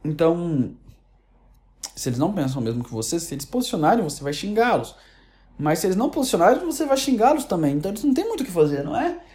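A woman's voice: on the low side, sing-song, quick pace, dark tone. A woman with a Brazilian accent ranting casually as an online commentator, sarcastic and rambling with many restarts. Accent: Brazilian Portuguese. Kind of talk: casual opinion rant.

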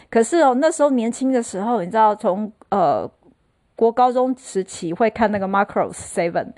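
A middle-aged woman hosting a casual solo podcast, telling stories in a chatty, animated way. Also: on the high side, no echo. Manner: chatty, animated storyteller who mimics others. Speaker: podcast host.

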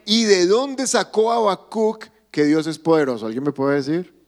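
A man's voice: high-pitched, moderate pace. A man, a pastor preaching a sermon at a church service, emphatic and asking the congregation questions.

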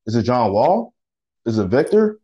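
Halting man talking over a phone line. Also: medium pitch, sing-song, warm tone. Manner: halting, repeats words, slangy. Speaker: podcast co-host. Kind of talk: casual sports chat.

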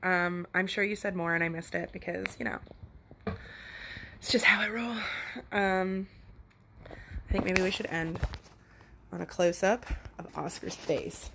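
A woman's voice: fairly low pitch, steady tone, a little slow, gravelly, long pauses, sharp tone, a little hiss or hum. A young woman vlogging at home with her cat, chatting casually in a rambling, giggly way and swearing now and then. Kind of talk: casual chat to the camera.

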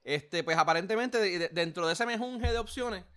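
A man's voice: sits high, normal speed, a bit bright, clear, resonant tone. A man with a Puerto Rican accent co-hosting a casual political chat, slangy and rambling with many restarts. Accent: Puerto Rican Spanish. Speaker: podcast co-host.

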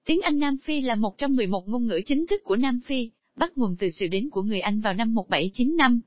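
A woman reading a scripted narration at an even, steady pace, stumbling over English terms. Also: on the high side, quick pace, no room sound. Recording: dull lo-fi dry recording.

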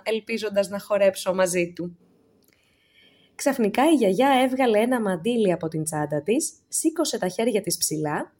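A woman reading a short story and then a vocabulary list for language learners, with clear, careful pronunciation. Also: medium pitch, a little mellow. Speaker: language teacher.

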